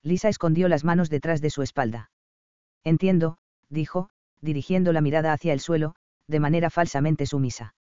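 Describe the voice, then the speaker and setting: Smooth-voiced male audiobook narrator. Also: fairly high pitch, steady tone, quick pace, dark tone, no echo, lo-fi sound. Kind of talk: romance novel audiobook narration.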